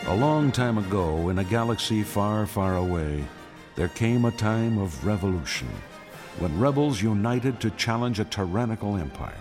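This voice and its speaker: A man's voice: lowish voice, lively intonation, normal speed. A man delivering dramatic scripted narration as the narrator of a radio drama. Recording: music behind the voice.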